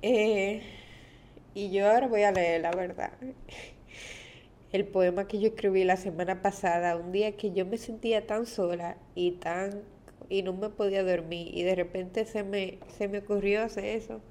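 A woman's voice: mid-range voice, fairly even intonation, moderate pace, darkish tone, a little hiss or hum. A young woman hosting a personal podcast, speaking candidly and emotionally about heartbreak and loss, sounding tired and at times searching for her words. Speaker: podcast host.

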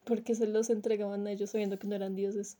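A woman's voice: medium pitch, flat delivery, fast, warm tone. A woman in casual chat, teasing and correcting a friend's retelling.

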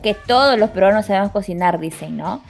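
A woman's voice: mid-range voice, animated, a little fast, vocal fry. Young peruvian woman from lima, chatty, faint music under her. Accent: Peruvian Spanish, Lima. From Peru. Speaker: podcast co-host. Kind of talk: casual panel chat.

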